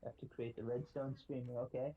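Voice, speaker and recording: A man's voice: medium pitch, flat delivery, fairly quick, highs cut off. A man co-playing on a stream, chatting in a rambling, laid-back way full of fillers. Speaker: guest co-player on a stream. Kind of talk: casual gaming stream chat.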